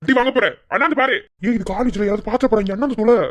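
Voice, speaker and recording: An anxious young male college senior fires off quick, pressing questions, as a voice actor plays him. His pitch sits in the middle range and his words tumble out rapidly. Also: a bit bright, close to an everyday voice. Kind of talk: animated cartoon voice acting.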